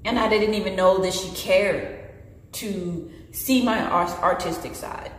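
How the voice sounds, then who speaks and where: A woman's voice: medium pitch, unhurried. Earnest woman in a very echoey room. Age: late 20s. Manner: earnest, expressive, gestures with hands while talking. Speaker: vlogger. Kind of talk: candid personal vlog talk. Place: bare indoor room. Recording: very echoey room with long reverb.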